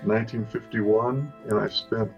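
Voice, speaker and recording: Gravelly husky older guy from socal telling his story, kinda dull lo-fi sound. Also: lowish voice, fairly even intonation, a little slow, soft background music. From Southern California. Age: 60s. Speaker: interview guest. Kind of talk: storytelling in a conversation.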